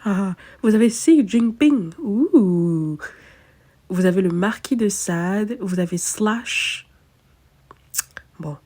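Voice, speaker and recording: An astrologer chats casually to camera in a medium-pitched, dark-toned voice, speaking slowly and expressively with frequent pauses. She is self-mocking and thinks aloud, using many fillers.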